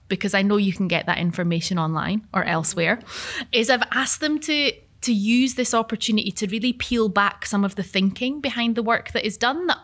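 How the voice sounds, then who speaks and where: A woman facilitates a panel discussion in a medium-pitched voice. She speaks as the chair, in an inviting and inclusive manner, setting out how everyone can take part. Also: a bit bright.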